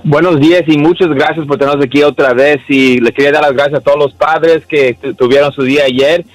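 A man's voice: on the high side, dry recording, low-quality recording. Earnest man giving legal advice. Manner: earnest, direct, mixes in English. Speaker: lawyer guest. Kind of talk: radio guest advice.

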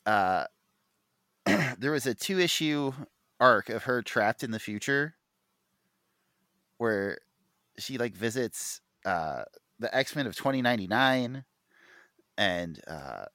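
A man's voice: medium pitch, lively intonation, takes it slowly, pauses often, sharp tone, no room sound. Man, podcast co-host, mid-range voice, dry close sound, rambling fan enthusiasm. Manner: rambling, enthusiastic, many fillers and restarts. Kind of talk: casual comic book chat.

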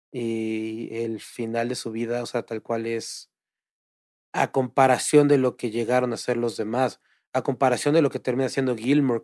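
A man with a Mexican accent in casual podcast chat, animated and swearing freely. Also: medium pitch, dry recording, studio quality. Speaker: podcast co-host.

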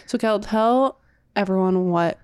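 A young woman co-hosting a podcast in casual chat, sleepy and flat-voiced, rambling with fillers. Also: mid-range voice, a little slow, clear, resonant tone, no echo. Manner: self-described monotone, rambling with fillers. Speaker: podcast co-host.

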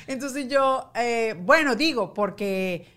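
Animated woman telling family stories. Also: on the high side, takes it slowly. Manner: animated, self-mocking, quotes family in acted asides. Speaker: guest journalist. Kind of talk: candid conversational interview. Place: home pantry.

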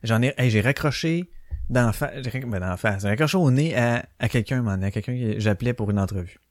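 A man with a Québécois French accent holds forth alone on his podcast, loose and profane, slipping into quoted voices as he tells his stories. His pitch sits in the middle range. The recording is close and dry, with no room sound. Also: no room sound. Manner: swearing, ranting storyteller who acts out quotes. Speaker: podcast host. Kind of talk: casual solo podcast monologue.

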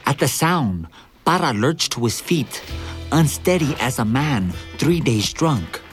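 A man narrates a story in the first person, his pitch rising and falling lively as he tells the chase. Soft music plays faintly underneath the reading. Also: slow pace. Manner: vivid, expressive storytelling. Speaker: narrator and lead actor.

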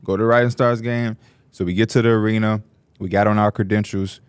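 A man co-hosting a podcast, telling a story in casual slang and jumping into high voices to quote people. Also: fairly even intonation, quick pace, clear, resonant tone, no room sound. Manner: slangy, laughs through his stories. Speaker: podcast co-host.

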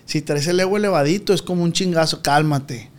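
A man with a Mexican accent, talking in a casual podcast chat in a slangy, confiding way that often sinks to a low murmur. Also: fast talker. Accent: Mexican Spanish.

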